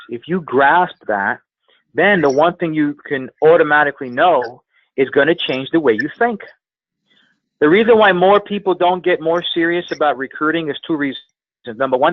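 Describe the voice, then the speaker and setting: A guest speaker who trains salespeople, this man has a slightly high voice and gives a motivational coaching talk on a conference call. He speaks emphatically, repeating phrases for effect. There's no echo, and the telephone recording is tinny and band-limited.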